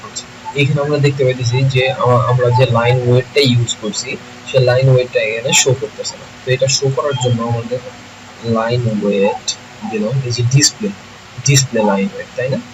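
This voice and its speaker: A man, teaching software in a screen-recorded tutorial, thinking aloud and often checking that listeners follow. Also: medium pitch, steady tone, fairly quick, highs cut off. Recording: noisy home recording.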